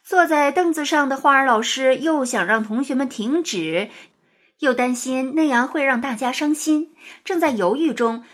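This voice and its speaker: Expressive woman storyteller. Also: fairly high pitch. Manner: expressive, sing-song storytelling. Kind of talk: children's story narration.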